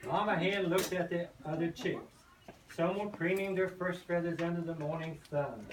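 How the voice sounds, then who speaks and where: A man's voice: fairly high pitch, steady tone, normal speed. Older man, folksy grandpa storybook reader. Roomy, distant mic, noisy background. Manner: folksy, explains pictures to children. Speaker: grandfather reading to a first grade class, farmer. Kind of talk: reading a children's storybook aloud with asides. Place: echoey indoor classroom.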